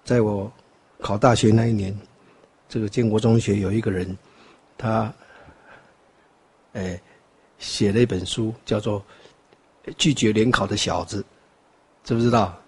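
A man's voice: on the low side, fairly even intonation, unhurried, long pauses, slightly rough. An older man from Taiwan with a Taiwanese Mandarin accent, giving a rambling Buddhist teaching talk full of fillers and wry asides. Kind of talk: dharma talk lecture.

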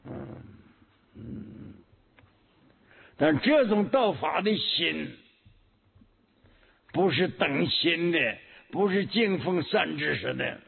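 A man preaches a Buddhist sermon in a slow, deliberate delivery, humming between phrases and going back over his key words. His voice sits high and swings widely in pitch, with a husky edge. It comes through a thin, phone-like recording. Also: animated. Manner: slow, measured teaching with frequent hums and repetitions. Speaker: Buddhist teacher.

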